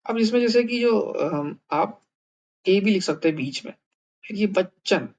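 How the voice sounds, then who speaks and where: A man's voice: high voice, lively intonation, a little slow, a little mellow. A man from India teaching how to write words in a new alphabet, thinking aloud with fillers and restarts. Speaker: language teacher. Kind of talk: explaining a writing lesson.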